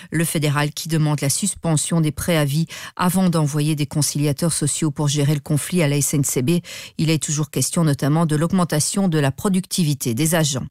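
Low-voiced woman reading radio news. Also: a little mellow, no echo, clean studio sound. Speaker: news presenter. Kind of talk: scripted radio news bulletin.

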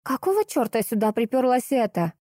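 A woman's voice: on the high side, very animated, fairly quick, warm tone, no room sound, studio quality, pitched above the performer's own voice. A woman voicing a haughty, showy young woman with an affected, mocking sweetness.

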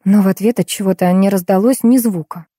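A woman reads a comic detective novel aloud in the first person, with a lively and expressive delivery. Her voice is mellow and sits at a middle pitch. The recording is dry and close, like a studio audiobook. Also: brisk, dry recording. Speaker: audiobook narrator.

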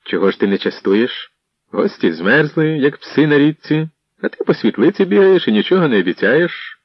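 A man reading an imperious, hoarse, scornful boyar in an audiobook. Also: low-pitched, steady tone, normal speed, no echo. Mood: mocking. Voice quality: hoarse, domineering. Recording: dull muffled audio.

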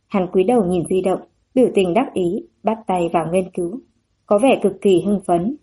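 A woman narrating a novel as an audiobook in a steady, even storytelling manner. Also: mid-range voice, normal speed, husky.

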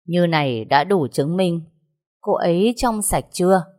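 A woman's voice: medium pitch, very animated, fast. Woman doing a cold domineering young husband. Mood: angry. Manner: harsh, commanding.

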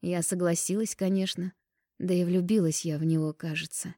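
A woman's voice: lowish voice, fairly even intonation, mellow, no room sound, studio quality, lightly acted. A woman reading an audiobook and voicing a nosy young woman friend who teases, pouts and takes offence easily. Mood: flustered. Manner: teasing, indignant, quick to take offence.

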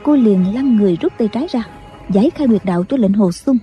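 Woman audiobook narrator, steady and mellow, with faint background music. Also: mid-range voice, a little fast. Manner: steady storytelling. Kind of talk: scripted narration.

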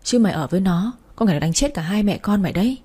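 A woman's voice: medium pitch, lively intonation, rapid-fire, warm tone, breathy edge. A woman voicing a coarse, blunt neighbor woman who scolds hard. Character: foul-mouthed tough older woman neighbor.

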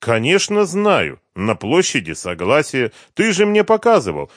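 A man voicing an excitable male colonel who shouts his lines in a high, strained voice. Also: a little slow, no echo, studio quality. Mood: alarmed. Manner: high-pitched frantic shouting.

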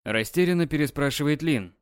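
A man narrating an audiobook in an even, dramatic storytelling manner. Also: a little high, a little fast, clear, resonant tone, no room sound, clean studio sound.

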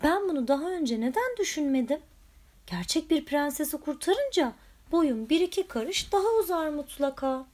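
A woman's voice: high-pitched, animated, moderate pace, pitched above the performer's own voice. Storybook role: tiny, brave, boastful frog knight, raised and blustering; a woman reader voices him. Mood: amazed. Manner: blustering, shouting threats.

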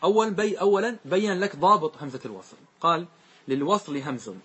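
Male teacher, slightly husky, higher voice, checks in with the class often. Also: animated, fast, fairly bright tone. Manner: questioning students, repeating answers. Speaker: teacher explaining grammar verses. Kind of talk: classroom lesson.

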